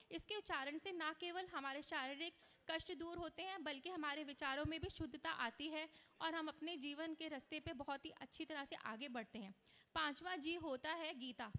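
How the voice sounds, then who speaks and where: A woman's voice: high voice, bright, forceful tone. A woman giving an earnest, instructive conference speech on astrology, mixing in English words. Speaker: astrology speaker. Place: conference hall. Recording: long reverb of a large hall.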